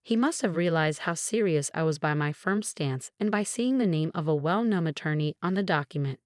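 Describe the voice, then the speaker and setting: A woman narrating a first-person story in a calm, even, scripted way. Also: deep voice, brisk, no room sound, clean studio sound.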